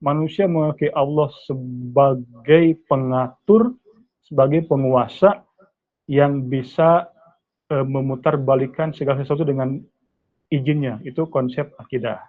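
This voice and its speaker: A man's voice: medium pitch, unhurried. A male Islamic studies teacher on a video call with choppy, breaking-up audio, lecturing by asking and answering his own questions. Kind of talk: online class lecture. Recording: tinny video-call line.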